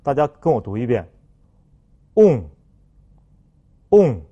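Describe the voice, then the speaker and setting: Male pronunciation teacher, lively pitch, careful explanations with loud modeled sounds. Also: lo-fi sound. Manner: slow, careful explanations, then loud drawn-out example sounds.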